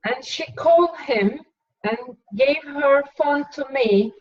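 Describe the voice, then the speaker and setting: A woman's voice: sits high, slow pace. A Turkish woman with a Turkish accent, a guest house sitter telling stories animatedly in casual panel chat over a video call. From Turkey. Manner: animated storytelling, acts out others' voices. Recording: distant, muffled lo-fi audio.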